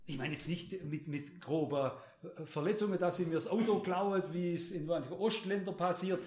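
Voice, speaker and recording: A man's voice: high-pitched, moderate pace, darkish tone. A man preaching a sermon with emphasis, speaking straight to his listeners and often repeating words. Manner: emphatic, addresses the audience directly, repeats words. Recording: roomy echo.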